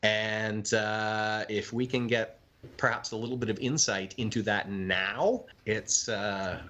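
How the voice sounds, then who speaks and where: A man's voice: lowish voice, steady tone, slow, bright, forceful tone. A Canadian man speaking as a guest in a casual interview, informal and chatty with hesitant phrasing. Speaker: ghost tour guide, interview guest.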